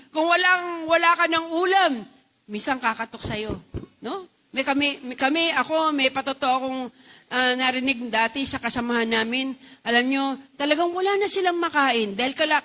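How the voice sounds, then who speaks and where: A woman preaching a sermon. Her voice sits high and rings bright and forceful, and she keeps turning to the congregation to ask for their agreement. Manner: animated, calls out to the congregation for assent.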